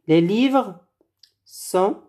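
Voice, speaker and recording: Language teacher for a recorded lesson: unhurried, measured, warm and low in tone, repeats each item. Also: animated. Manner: slow, deliberate, repeats words for learners. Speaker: French teacher. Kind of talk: slow drill-style French lesson.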